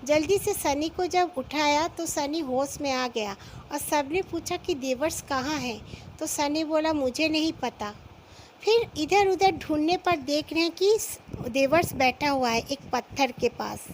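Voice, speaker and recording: A woman narrating a listener's ghost story in an unhurried storytelling manner, acting out short quoted lines as she goes. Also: high-pitched, slight background noise, low-quality recording.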